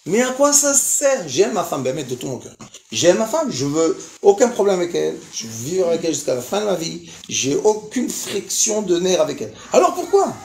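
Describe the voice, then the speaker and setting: In an echoey lecture hall with faint noise, an older rabbi, fifty or beyond, tells a live audience a story at normal speed. His voice sits high and sounds gravelly, and he animates the tale by performing the dialogue and laughing throughout.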